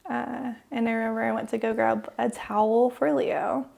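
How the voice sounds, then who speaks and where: A young woman co-hosting a podcast, telling a personal story haltingly with many fillers, sometimes dropping to a whisper. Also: a little high, level tone, creaky, darkish tone. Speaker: podcast co-host.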